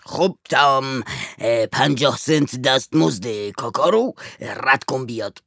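A broke, bossy father hems and stammers, his voice gravelly yet bright and edged, recorded dry and close. A man acts him out in a story recording. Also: medium pitch, no room sound. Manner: hesitant, stammering with filler sounds. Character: broke, fast-talking father, wheedling and bossy. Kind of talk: audiobook voice acting.

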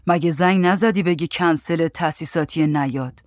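A man voicing a flustered young adult man in a storybook reading, talking hurried and anxious. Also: fairly high pitch, no room sound, clean studio sound, close to an everyday voice.

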